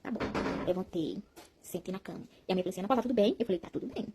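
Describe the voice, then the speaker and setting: A young woman with a Brazilian Portuguese accent talks very fast at medium pitch, giving her viewers an emotional, rambling personal testimony as a vlogger. She repeats words and calls out to her audience while background noise runs underneath.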